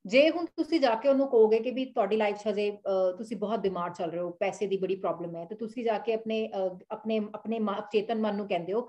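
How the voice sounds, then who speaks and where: A woman with a Punjabi accent teaching a self-help lesson in an earnest way, repeating her points and often pausing with "uh". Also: mid-range voice, dark tone. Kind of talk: instructional talk mixing Punjabi and English.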